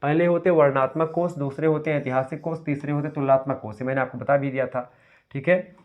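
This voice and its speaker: A man's voice: fairly high pitch, steady tone, quick pace. A man. He explains patiently and repeats key terms. The recording sounds dull and lo-fi. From Uttar Pradesh, India. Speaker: teacher. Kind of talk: exam revision lecture.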